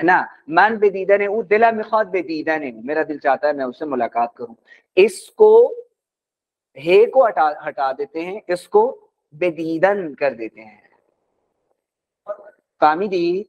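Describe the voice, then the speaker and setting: Patient man teaching in a lo-fi recording. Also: a little high. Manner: patient, repeats words slowly. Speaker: language teacher. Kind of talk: classroom lesson. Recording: dull lo-fi recording.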